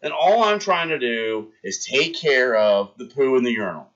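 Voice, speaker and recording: A man in his thirties streaming live tells his chat a long gross-out story, animatedly acting out the scenes. He speaks at medium pitch and normal speed, and the sound is lo-fi.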